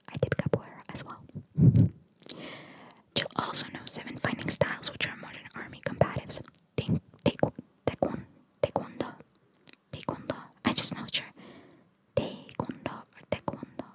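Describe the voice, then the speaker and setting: An ASMR video host whispers trivia aloud, her breathy, gravelly whisper punctuated by chatty, informal asides.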